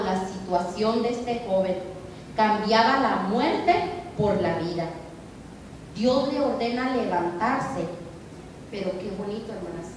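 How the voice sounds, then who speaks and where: A woman's voice: mid-range voice, a little hiss or hum. A woman preacher giving a sermon, calling her listeners sisters and acting out Jesus' words. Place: church hall. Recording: echoey hall recorded from far off.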